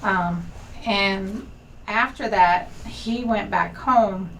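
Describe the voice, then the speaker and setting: Fields: Sex: woman. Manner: candid, steady. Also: mid-range voice, extremely slow, creaky, recorded from a distance, slight background noise, low-quality recording. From Texas. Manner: candid, steady, with frequent ums. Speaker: senior enlisted leader. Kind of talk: personal story in a sit-down conversation. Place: bright indoor studio set.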